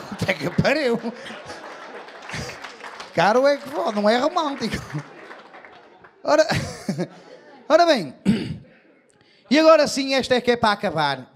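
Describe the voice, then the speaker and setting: A man's voice: high-pitched, a little hiss or hum. A man doing bawdy, profane stand-up comedy at a live bar show, speaking into a handheld mic.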